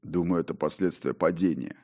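A calm stranger, voiced by a male narrator, speaks in a very deep, low voice. He sounds measured and matter-of-fact, like a doctor's verdict in a storybook reading. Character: calm unfamiliar man, doctor-like.

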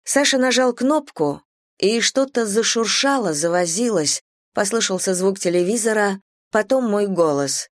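A woman narrating a first-person short story aloud with an expressive, lively delivery. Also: mid-range voice, a little slow, no echo, studio quality. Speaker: audiobook reader.

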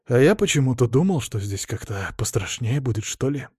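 A man reading an audiobook voices an excitable, easily startled young male student who exclaims in amazement. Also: medium pitch, a little fast, husky, no room sound, studio quality. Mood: puzzled. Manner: wide-eyed, exclaiming.

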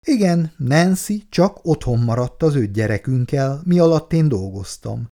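A man's voice: medium pitch, expressive, warm tone, close to an everyday voice. A man voicing a chatty, jovial older male farmer and grandfather in an audiobook.

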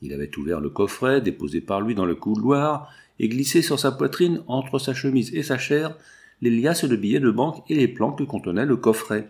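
A man reading a nineteenth-century novel aloud in measured, dramatic narration. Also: medium pitch, a little mellow. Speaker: audiobook reader. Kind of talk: scripted narration.

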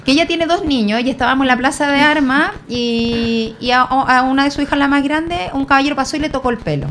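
A woman's voice: high voice, fairly quick, faint music behind. Woman chilena que habla rápido. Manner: animated storyteller, acts out quoted voices. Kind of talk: casual radio chat. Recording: faint background ambience.

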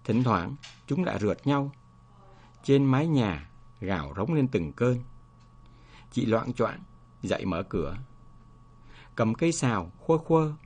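A man narrating a story aloud in a measured, expressive way. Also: mid-range voice, breathy edge.

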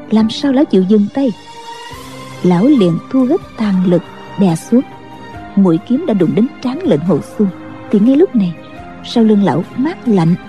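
A woman narrating a martial-arts novel audiobook in a steady, even storytelling manner. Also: mid-range voice, dull audio.

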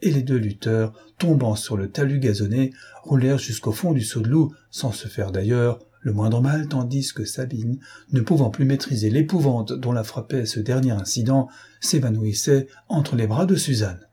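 A man narrating a classic novel in a measured, expressive way. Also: medium pitch, breathy edge. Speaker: audiobook reader.

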